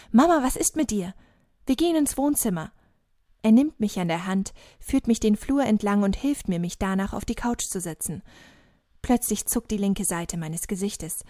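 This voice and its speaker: Calm woman reading an audiobook. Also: mid-range voice, dry recording, studio quality. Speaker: audiobook narrator. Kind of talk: scripted narration.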